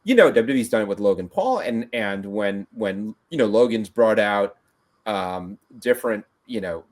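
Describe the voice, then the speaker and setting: A man's voice: fairly low pitch, expressive, moderate pace. A man hosting a podcast, talking loosely with lots of fillers and restarts. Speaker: podcast host. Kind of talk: casual podcast chat.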